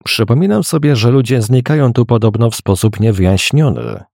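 A man voicing a young male painter in an audiobook, polite and measured, quietly cautious. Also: medium pitch, vocal fry, no room sound, clean studio sound, pitched above the performer's own voice. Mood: guarded.

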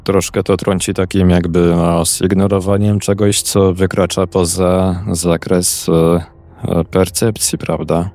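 Male host, very deep voice, measured and hesitant interviewer. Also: flat delivery, darkish tone. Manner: measured, hesitant with drawn-out fillers. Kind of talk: interviewing a guest.

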